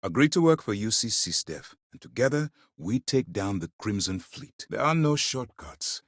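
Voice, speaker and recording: An actor playing a stern, principled space fleet commander in a video game, speaking formally and with authority. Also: male voice, medium pitch, animated, moderate pace, no room sound, clean studio sound. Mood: measured, resolute. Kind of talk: scripted video game character dialogue.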